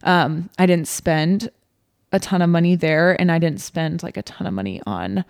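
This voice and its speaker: A woman's voice: lowish voice, normal speed, gravelly, no echo, clean studio sound. A young woman co-hosting a podcast, telling a story in a chatty, rambling way. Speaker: podcast co-host. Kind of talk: casual chat.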